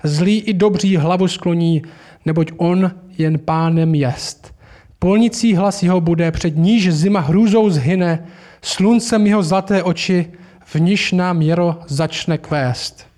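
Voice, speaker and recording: A man's voice: high-pitched, a little mellow, natural voice. A man reading aloud as a proud, eager male beaver in a children's fantasy story.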